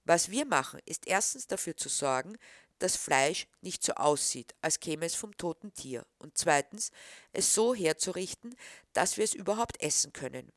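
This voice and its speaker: A woman reading scripted narration in a calm, earnest, reflective way. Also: fairly low pitch, moderate pace, no echo, clean studio sound.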